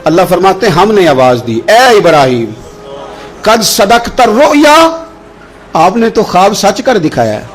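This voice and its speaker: A man's voice: sits high, sing-song, few pauses. A male preacher delivering an emphatic, rhetorical sermon, moving between storytelling and melodic scriptural recitation.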